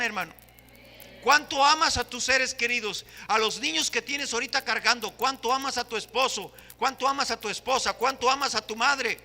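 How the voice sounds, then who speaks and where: Mexican pastor preaching in an echoing hall. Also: male voice, very high voice. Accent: Mexican Spanish. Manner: impassioned preaching, rising to shouts. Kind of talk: sermon. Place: church hall. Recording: long hall reverb.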